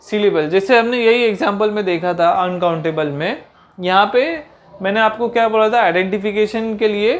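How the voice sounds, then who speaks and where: A woman teaches a grammar lesson in a mid-pitched voice. She keeps asking her own questions and answering them right away. She slows down carefully whenever she gives a definition. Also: a little hiss or hum.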